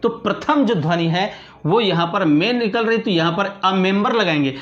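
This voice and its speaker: An Indian man teaching English grammar in a classroom lecture, explaining patiently, repeating words and often checking with "clear?". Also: high-pitched, moderate pace, muffled recording.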